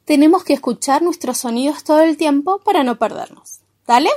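A woman voicing a kind, calm friend character who speaks gently and soothingly, with an Argentine accent. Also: high-pitched, fairly quick, natural voice.

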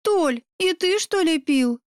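A woman voicing an excitable young woman with a high, emphatic voice. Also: moderate pace, dry recording, studio quality. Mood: scolding.

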